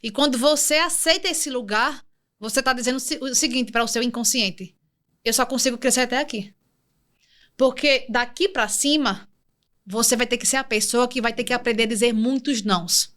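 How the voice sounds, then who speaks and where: Bright woman's voice, coaching-style podcast guest, talks straight at the listener. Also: on the high side, normal speed. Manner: emphatic, speaks directly to the listener. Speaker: guest, emotional leadership specialist. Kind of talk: motivational podcast talk.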